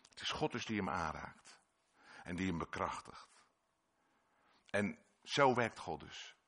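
A man's voice: sits low, lively intonation, unhurried, fairly bright tone. A man preaching a sermon in Dutch-language church talk, earnest and repetitive, sometimes acting out short quoted voices.

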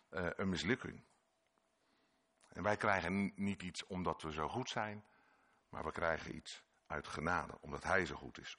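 A man's voice: lowish voice, a bit bright. A man preaching a sermon in Dutch-language church talk, earnest and repetitive, sometimes acting out short quoted voices.

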